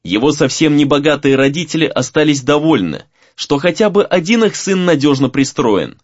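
A man reading a fantasy novel aloud as narrator, in a measured reading with varied emphasis. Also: mid-range voice, no echo, dull audio. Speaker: audiobook narrator.

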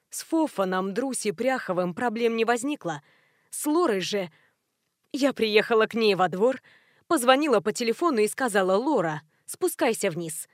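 A woman narrating a novel in the first person with brisk, wry storytelling. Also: on the high side, no room sound, studio quality. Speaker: audiobook narrator.

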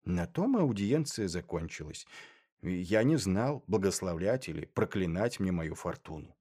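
A man reading first-person literary narration in a measured, dry and ironic way. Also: sits low, big pitch swings, dark tone. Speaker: audiobook narrator.

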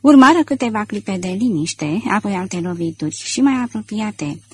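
A woman narrating an audiobook in a steady, measured way. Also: medium pitch, breathy edge. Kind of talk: scripted narration.

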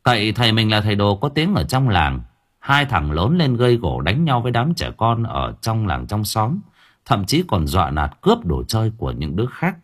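A man narrating an audiobook story in an expressive storytelling manner. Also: lowish voice, moderate pace. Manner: expressive, swinging voice for drama.

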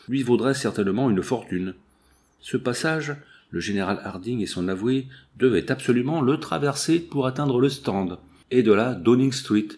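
A man narrating a classic novel as an audiobook, with slow, measured phrasing. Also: on the low side, darkish tone.

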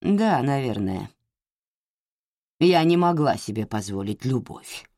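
A woman's voice: low-pitched, lively intonation, a little slow, darkish tone, slightly rough, dry recording, heavily acted. A woman doing a stern, mocking old mother. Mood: quiet. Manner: dry, scolding, curt. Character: stern blunt older mother, mocking her daughter.

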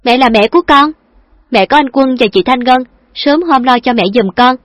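A woman voicing a lively, affectionate young woman who is playful and teasing, with a chirpy, coaxing manner. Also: sits high, moderate pace, no echo, pitched above the performer's own voice, lightly acted. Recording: dull lo-fi dry recording.

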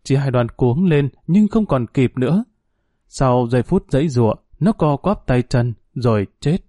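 A man narrating a story aloud in a measured, grave reading. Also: medium pitch, expressive, warm tone, no room sound, clean studio sound.

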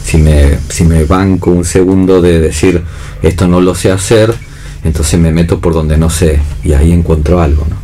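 A theatre director and actor from Argentina talks as a panel guest, reflecting in an unscripted discussion, hunting for words and frequently using tag questions. His voice is low, steady and warm at a normal speed, with a little background noise.

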